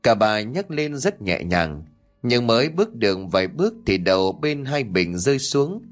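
A man narrating a horror audiobook story in a steady storytelling voice. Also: mid-range voice, moderate pace, soft background music.

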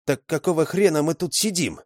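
A man's voice: mid-range voice, very animated, unhurried, a little mellow, no room sound, clean studio sound, voice pushed up. A man voicing a timid, anxious young father in a storybook. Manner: timid, worried.

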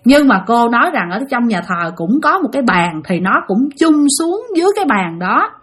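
A woman's voice: fairly high pitch, big pitch swings, normal speed, a bit bright, slightly rough. A woman with a Southern Vietnamese accent telling a ghost story, chatty and speaking straight to her listeners. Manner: chatty, addresses listeners directly.

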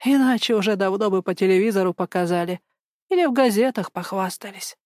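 A woman's voice: medium pitch, fairly quick, a little mellow, dry recording, studio quality, lightly acted. A woman voicing a nervous, fidgety older male pensioner in an audiobook, jittery and self-important. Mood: fussy. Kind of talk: audiobook character voice.

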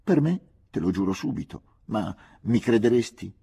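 A man voicing a cool, guarded young woman who speaks softly and wryly, lifting his pitch for her. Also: lively intonation, moderate pace, creaky, husky, exaggerated voice. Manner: soft-spoken, low, wry.

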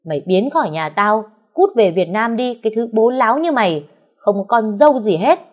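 A woman voicing a bullying sister-in-law who barks in a loud, spiteful voice. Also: lowish voice, expressive, brisk, close to an everyday voice. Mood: hostile.

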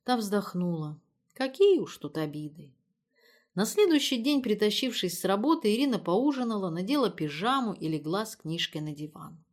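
A woman reading an audiobook in an even storytelling manner. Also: medium pitch, normal speed. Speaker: audiobook narrator. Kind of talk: scripted narration.

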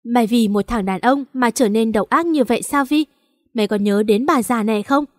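Anxious older mother, read by a woman, pleading and scolding, high voice. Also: normal speed, no room sound, studio quality, big-room sound, lightly acted.

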